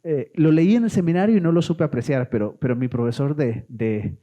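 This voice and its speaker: A man's voice: fairly high pitch, brisk, dull audio. A man preaching a sermon, often asking the congregation questions. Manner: animated, asks the congregation questions.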